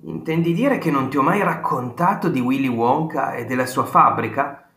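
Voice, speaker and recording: A man voicing an excited ninety-six-year-old grandfather who tells stories with eager, emphatic exclamations, in a roomy audiobook recording with faint guitar music. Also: mid-range voice, moderate pace, voice pushed up, lightly acted. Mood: enthusiastic.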